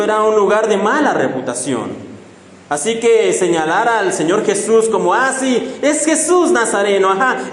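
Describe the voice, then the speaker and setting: A man delivers a sermon in a high register, his words ringing through a large hall with a long reverb tail. He acts out the crowd's scornful lines and the beggar's pleading cries within the preaching. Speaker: pastor.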